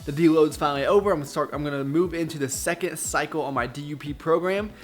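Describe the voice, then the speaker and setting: A young man talks to camera in a chatty, upbeat vlog with self-mocking asides. His voice sits a little high for a man. Faint music plays underneath. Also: fast talker. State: out of breath after lifting. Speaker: fitness vlogger. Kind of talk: casual vlog talk to camera. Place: home gym.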